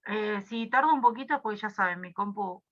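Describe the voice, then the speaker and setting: A woman's voice: mid-range voice, normal speed, fairly bright tone, dull audio. A young woman with a Rioplatense Spanish accent, tutoring a review class casually with many fillers and asides.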